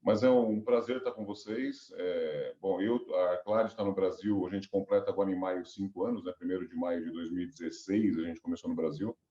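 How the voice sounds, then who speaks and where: A middle-aged company director with a cold rambles through a business interview, his stuffy, nasal voice full of restarts and fillers. His voice sits low and mellow, and the audio is dull, recorded in an echoey room.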